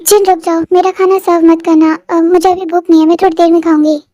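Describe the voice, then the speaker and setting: A very high-voiced reader playing a hurt young woman who bitterly rejects an apology. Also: level tone, fast talker, warm tone. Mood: cold.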